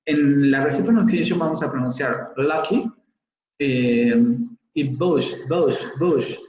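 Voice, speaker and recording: A man's voice: a little high, slow, a little mellow. A man with a Mexican Spanish accent lecturing a university phonetics class, explaining points and repeating example words to model their pronunciation. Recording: roomy, slightly dull audio with faint ambience.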